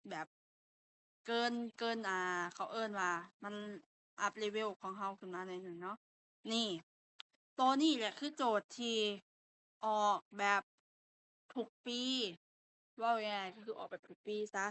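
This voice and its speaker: A woman's voice: mid-range voice, unhurried, long pauses, a bit bright. Young woman with a Lao accent, classroom teacher, patient and explanatory. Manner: explanatory, checks in with students. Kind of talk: classroom grammar lesson.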